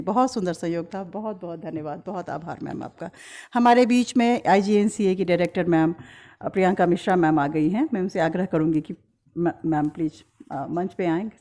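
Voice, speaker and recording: A woman's voice: mid-range voice, warm tone. A woman hosting a live gallery event, formal and polite, thanking and introducing guests as ma'am. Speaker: event host. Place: exhibition event in a gallery hall.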